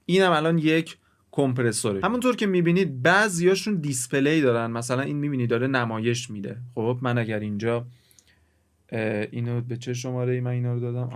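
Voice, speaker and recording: A man teaching music mixing in a casual, chatty way, talking straight to the viewer and explaining with everyday examples. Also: mid-range voice. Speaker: music production instructor. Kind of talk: casual screen-recorded tutorial.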